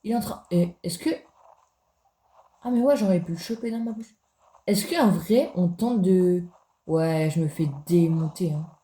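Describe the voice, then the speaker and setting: A man's voice: high-pitched, measured pace, dark tone. A man giving casual gameplay commentary as a gaming YouTuber, chatty and jokey, talking straight to his viewers.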